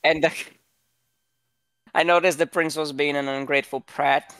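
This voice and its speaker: A man joining a let's play as co-player, teasing his friend in a playful tone. His voice is mid-pitched and casual. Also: fairly even intonation, moderate pace, a bit bright, clear, resonant tone, dry recording. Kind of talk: casual gaming banter.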